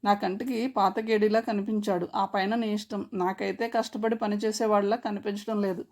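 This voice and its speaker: A sharp-tongued young village woman full of sass and scorn, voiced by a female storyteller. She mocks and snaps in a plain, unforced voice of middling pitch, keeping her read-aloud storybook tone. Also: level tone, normal speed, natural voice. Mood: scornful. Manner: sassy and mocking. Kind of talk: storybook reading.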